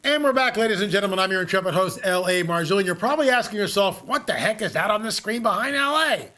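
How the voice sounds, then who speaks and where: Earnest talk radio host, high voice. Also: male voice, lively intonation, quick pace, pushed and bright, soft background music. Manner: earnest, repetitive, emphatic pitch. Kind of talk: talk radio monologue and live ad read.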